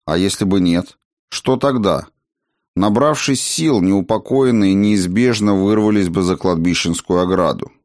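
A man narrating a fantasy audiobook in a measured, expressive storytelling manner. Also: low-pitched, dry recording, clean studio sound.

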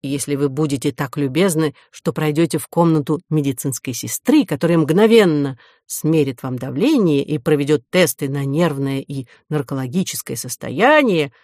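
Lady voicing a stiff polite hotel porter guy, lowish voice, dry close sound. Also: lively intonation, normal speed, few pauses, darkish tone, dry recording. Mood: officious. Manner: stiff, officious courtesy.

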